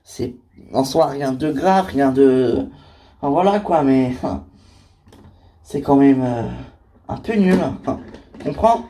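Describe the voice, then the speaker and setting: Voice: takes it slowly, pauses often, warm tone. A performer, voicing every character of an amateur toy-figure drama in casual everyday speech. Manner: shifts pitch between characters, casual everyday French with fillers.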